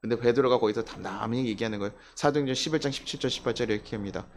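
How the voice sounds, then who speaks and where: A man's voice: mid-range voice, rapid-fire, a little hiss or hum. A male pastor preaching a Sunday sermon in a church, acting out the voices of people in his stories. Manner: animated, acts out quoted voices of people. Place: church sanctuary.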